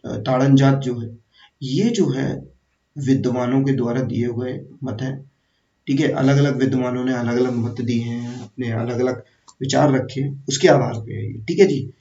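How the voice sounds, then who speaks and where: Male teacher running an exam-prep grammar lesson, quizzes the viewer, gravelly low-key voice, heard from afar in an echoey room. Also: fairly even intonation, warm tone. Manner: slow, repetitive, quizzing the viewer. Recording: echoey, distant, dull room sound.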